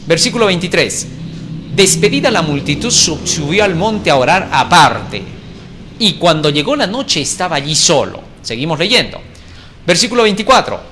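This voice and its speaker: A man's voice: fairly high pitch, bright, forceful tone, slight background noise. A man preaching a sermon, reading scripture dramatically and asking rhetorical questions.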